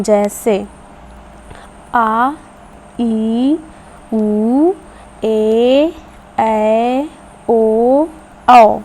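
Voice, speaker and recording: A woman giving a patient grammar lesson to children, explaining slowly and repeating each point. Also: fairly high pitch, warm tone, slight background noise. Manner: slow, patient explaining with repetition; addresses children. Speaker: Hindi teacher.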